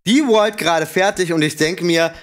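Relaxed male game show host. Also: fairly high pitch, moderate pace. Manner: relaxed, steering talk through replays and stats. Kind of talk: casual game show commentary. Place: studio with red curtain and couch.

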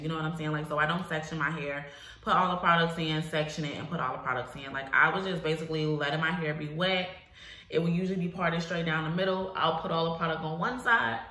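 A woman's voice: deep voice, bright, forceful tone. A young woman with a stuffed-up, nasal voice from a head cold, chatting casually and emphatically to viewers as a hair vlogger. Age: young adult. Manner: informal, emphatic, addresses viewers directly. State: congested nose from a head cold. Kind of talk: casual chat to camera. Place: small home room, indoors. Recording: roomy, echoing indoor sound.

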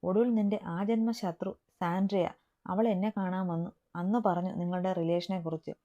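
A woman's voice: fairly low pitch, fairly even intonation, moderate pace, warm tone, lightly acted. A woman voicing a stern, protective young man who is an older brother, in a dull lo-fi recording. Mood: calm. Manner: stern, raises voice in anger.

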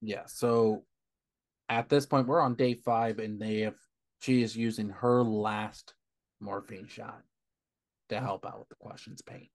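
Male podcast host, low voice, dry close sound; plain, easygoing comic recap with read-aloud passages. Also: steady tone, unhurried, dry recording. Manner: retells scenes plainly, quotes dialogue in a low subdued tone; reads passages aloud with occasional fillers. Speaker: book club podcast host. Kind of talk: casual comic book recap.

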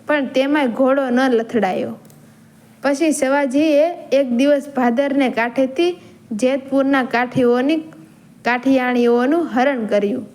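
A woman storyteller narrating a folk tale in a measured, dramatic way. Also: sits high, darkish tone.

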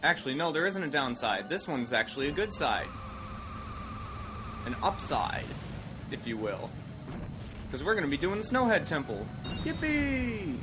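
A young Midwestern American let's play host, sick and coughing, rambles through casual gameplay commentary full of self-mocking asides. His fairly high voice is very animated at a normal speed, broken by long pauses. Loud game music plays underneath, adding background noise.

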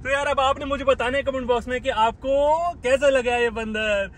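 A man chatting excitedly on his pet vlog, coaxing and doting on a new animal in a playful voice. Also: extremely high pitch, normal speed, slight background noise. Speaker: pet vlogger. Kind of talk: casual vlog chat.

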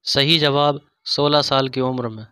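A man reading religious quiz questions, pausing over each option before he gives the answer. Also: medium pitch, steady tone, sharp tone, clear, resonant tone, no room sound, studio quality. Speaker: quiz host. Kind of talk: scripted quiz narration.

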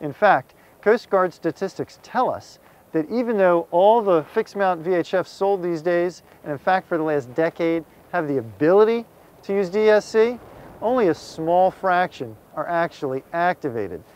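Out on the water in a small open boat, a middle-aged American presenter who is a contributing editor for a magazine talks viewers through a scripted how-to in a plain, folksy, direct manner. His voice is high-pitched and darkish in tone, with lively intonation and a moderate pace.

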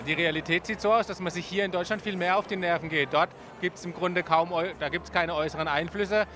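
A man's voice: sits high, fairly even intonation, fairly quick. A man in his thirties giving casual interview answers into a handheld microphone. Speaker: author, interview guest. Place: busy festival beer tent. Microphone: handheld reporter microphone held to him. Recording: noisy busy tent behind the voice.

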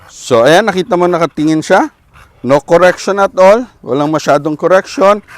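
A man with a Filipino accent, a dog trainer coaching an owner outdoors with calm, repeated short commands. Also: high voice, moderate pace, dry recording.

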